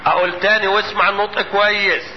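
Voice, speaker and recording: A man with an Egyptian accent teaching Quran recitation rules in a lecture, quizzing his students with quick questions and chanting example verses slowly. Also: sits high, flat delivery, slight background noise. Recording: dull lo-fi lecture hall with long reverb.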